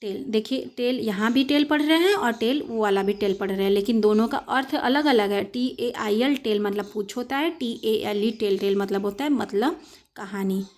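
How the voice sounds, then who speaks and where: A young woman with a voice on the high side and a darkish tone teaches an English lesson in Hindi. She spells words out letter by letter and reads English sentences very slowly.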